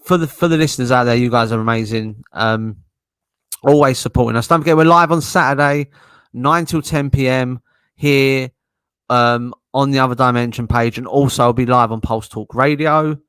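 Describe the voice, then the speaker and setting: Chatty, laughing host. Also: male voice, mid-range voice, normal speed, a bit bright, smooth, no echo. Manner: laughs often, chatty, rambling. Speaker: podcast host. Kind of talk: casual chat.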